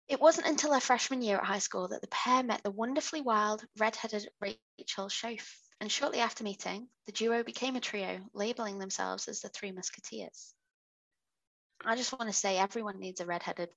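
A woman's voice: medium pitch, moderate pace, gravelly, fairly bright tone, poor audio. British woman telling a true crime story. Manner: chatty asides while narrating. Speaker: podcast host.

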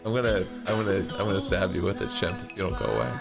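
A blunt, gruff man chatting in character in a tabletop game. His fairly low voice has a gravelly edge and swings lively up and down. Music plays behind him. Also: very fast. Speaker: player. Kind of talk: casual in-character chat. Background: background music.

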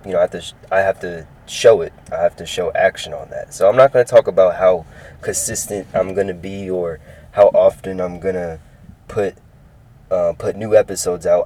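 A man's voice: low voice, dark tone, rough recording. A man in his early twenties, upbeat and rambling, talking through his own sports podcast and repeating himself. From California. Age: 20s. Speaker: podcast host. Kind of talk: casual solo sports podcast.

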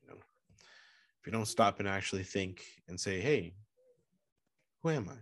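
A man's voice: low voice, lively intonation, moderate pace, fairly bright tone. A man hosting his own podcast alone, rambling playfully, plugging the show and giving motivational life advice. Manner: rambling, playful and self-promoting. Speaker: podcast host. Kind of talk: casual solo podcast monologue.

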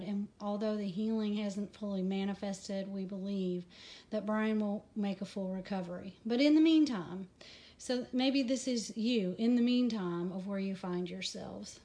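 A woman hosting a ministry video, slightly out of breath, giving a personal devotional talk in a conversational, halting way with many fillers. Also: mid-range voice, darkish tone. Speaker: ministry host.

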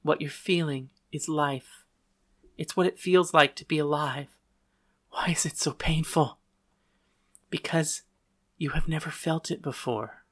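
Man voicing a gentle teenage girl. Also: on the high side, fairly even intonation, unhurried, pauses often. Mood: tender. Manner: soft, soothing and patient. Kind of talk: audiobook reading.

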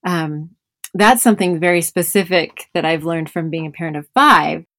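A woman's voice: lowish voice, normal speed, a bit bright, no room sound, studio quality. A woman in her thirties, a mother of five and podcast host, talking reflectively in a casual conversation with many fillers.

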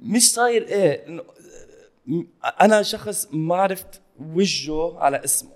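A man's voice: a little high, expressive, normal speed. A man with a Lebanese Levantine Arabic accent, co-hosting a casual chat, telling anecdotes and dropping in English phrases. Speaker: podcast co-host.

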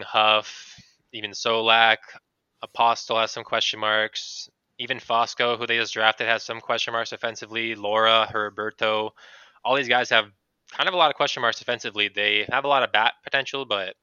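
A man's voice: fairly low pitch, sharp tone, clean tone, no echo, lo-fi sound. A man guesting on a sports podcast, rambling casually and hedging with filler words. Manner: rambling, hedging with "kinda" and "just".

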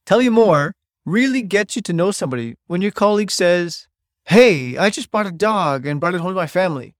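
A man's voice: high-pitched, expressive, a little fast, no room sound. Middle-aged male host, solo podcast, blunt and emphatic delivery, dry close-mic sound. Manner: blunt, emphatic, swears freely.

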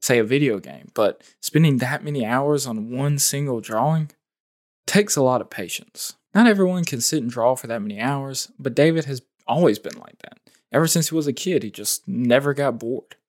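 Man, mid-pitched voice, interviewer and narrator, measured, reflective. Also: a little mellow.

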